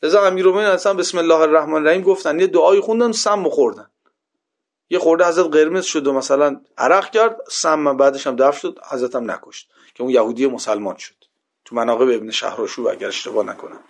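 A man giving a religious lecture to a class in a conversational way, often posing rhetorical questions and checking that listeners follow. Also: a little high.

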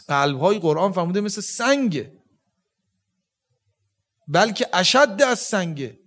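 A man giving a religious lecture, explaining step by step, quoting Arabic verses and asking rhetorical questions. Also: high-pitched. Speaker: religious teacher.

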